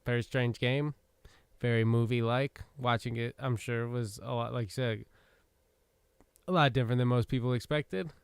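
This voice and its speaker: A man's voice: mid-range voice, fairly even intonation, normal speed, vocal fry, smooth, no echo. A man hosting a livestream who talks in a rambling, casual way and swears freely while he has the hiccups. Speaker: livestream host. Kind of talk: casual gaming stream chat.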